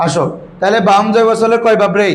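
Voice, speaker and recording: A man with a high voice and fairly even intonation runs an Arabic grammar lesson very fast over a noisy crowd. His students repeat answers back to him call-and-response style, and the recording has an echoey room with background noise.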